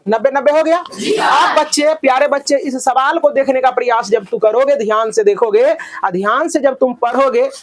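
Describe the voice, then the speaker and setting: A man's voice: extremely high pitch, normal speed. A middle-aged male math teacher, lecturing a classroom of children and firing questions for them to answer back. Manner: loud call-and-response questioning of pupils.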